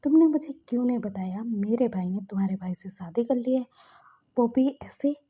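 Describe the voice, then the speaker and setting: A woman reads out a young man, an angry older brother, who scolds and demands answers. The voice is husky and deeply mellow. The recording sounds dull and lo-fi. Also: normal speed. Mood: angry scolding.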